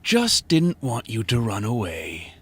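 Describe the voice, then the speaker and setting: A man playing a leering delivery man in a video game, mock-friendly and menacing, with a husky voice that drops into whispers. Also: medium pitch, wildly swooping pitch, slow, a bit bright, heavily acted. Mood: creepy, probing.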